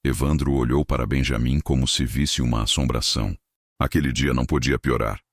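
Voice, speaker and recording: A man narrating a scripted dramatic story in a measured way. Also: extremely low pitch, fairly even intonation, dry recording, studio quality.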